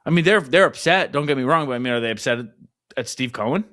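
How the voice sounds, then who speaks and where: A man's voice: medium pitch, lively intonation, quick pace, a bit bright. A man co-hosting a sports podcast in casual chat, ranting with exasperation and mocking other people's words. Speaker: podcast co-host.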